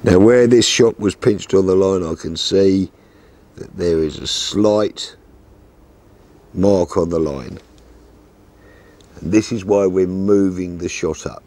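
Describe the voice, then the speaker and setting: Calm, methodical older man teaching. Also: deep voice, slow, pauses often. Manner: calm, methodical, practical explanations. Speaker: fishing instructor. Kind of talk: step-by-step tutorial. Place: outdoors in a fenced garden, seated at a table.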